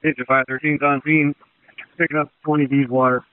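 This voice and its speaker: A man's voice: on the high side, level tone, a little fast, dry recording. A man speaking as a firefighter over two-way radio, giving urgent, clipped emergency reports. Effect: two-way radio transmission. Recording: narrowband fire radio transmission.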